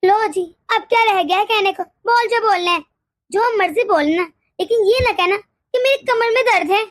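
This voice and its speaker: A woman voicing a harsh, scolding older mother-in-law in an animated story, nagging and sharp-tongued. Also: very high voice, normal speed, no echo, studio quality.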